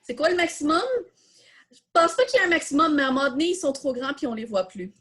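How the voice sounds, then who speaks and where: She talks fast, her high voice lively in intonation and a bit bright, as she hosts a live online coding workshop with a Quebec French accent. Demonstrating as she goes, she thinks aloud informally and takes questions.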